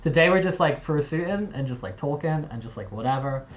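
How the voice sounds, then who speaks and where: A man's voice: a little high, animated, fairly quick. A young man with a mixed, displaced accent, chatting casually on a live stream, rambling with many fillers and restarts.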